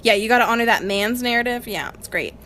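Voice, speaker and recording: On this casual book-chat podcast, the young female co-host talks fast in a bright, forceful voice on the high side. She's wry and giggly, often laughing mid-sentence, and her phrasing is slangy and informal; faint background noise is present.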